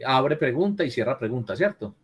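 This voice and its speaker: Husky male teacher on a video call. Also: mid-range voice, very animated, a little fast. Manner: corrects students, keeps asking "¿cierto?". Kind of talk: virtual class lesson on writing.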